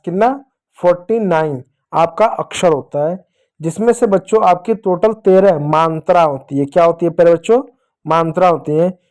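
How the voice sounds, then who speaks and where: Playful high-voiced male teacher. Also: darkish tone. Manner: playful, repeats "pyare bachchon", acts out cries to teach sounds. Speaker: teacher of young children. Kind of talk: children's Hindi reading lesson.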